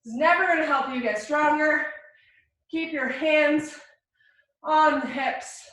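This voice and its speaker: A woman's voice: high voice, slow, a bit bright. A woman fitness instructor coaching a live workout in short, encouraging cues and countdowns. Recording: very echoey room, distant mic.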